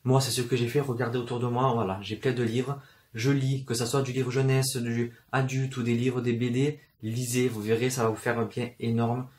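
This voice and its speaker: A young book vlogger from the south of France talks to camera in a room full of books, with a southern French accent. His medium-pitched voice has a darkish tone, little pitch movement and normal speed, and he's hesitant, full of fillers and restarts, stuttering at times.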